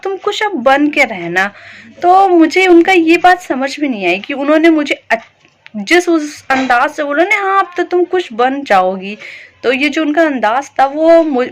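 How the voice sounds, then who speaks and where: A young woman chatting in a casual home vlog, rambling a little while she cooks and does chores in her kitchen. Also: high-pitched. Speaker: vlogger.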